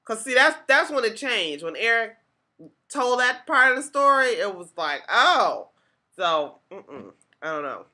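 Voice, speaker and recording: A woman's voice: fairly high pitch, sing-song, moderate pace, sharp tone. A woman hosting a podcast, talking through a TV episode in a chatty, casual way with lots of "like" and restarts. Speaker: podcast host.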